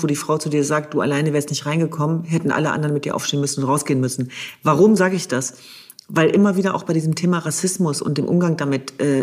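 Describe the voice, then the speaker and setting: Husky discussion partner, emphatic and urgent, repeats lines for stress. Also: medium pitch, darkish tone. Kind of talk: impassioned conversation.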